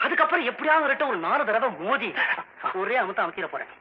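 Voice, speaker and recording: An actor playing a boastful, scheming young would-be film director in a 1960s film comedy, switching between shouting and hushed storytelling. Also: extremely high pitch, expressive, quick pace, breathy edge, full character voice. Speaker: aspiring film director, son. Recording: lo-fi old film soundtrack with faint hiss.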